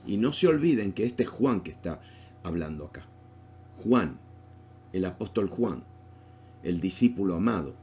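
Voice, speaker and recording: A man with a low, mellow voice leads a Bible study lesson. He teaches in a loose, conversational way, stopping to restart phrases and asking his listeners rhetorical questions. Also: animated, moderate pace, pauses often, a little hiss or hum.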